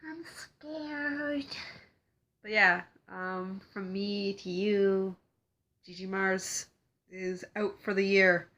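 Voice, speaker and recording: Young female vlogger, stuffy from a cold, chatty and giggly, bright tone. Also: medium pitch, completely flat delivery, slow, muffled recording. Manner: rambling, giggly, lots of fillers. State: congested from a cold. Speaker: cosplay vlogger. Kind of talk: casual chat to camera.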